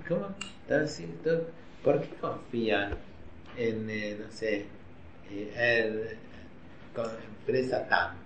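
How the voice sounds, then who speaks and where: In a lowish voice and at a slow pace, a man with an Argentine Spanish accent leads a casual religious class for women, constantly quizzing them as he chats. The sound is roomy and somewhat dull, with a faint hum.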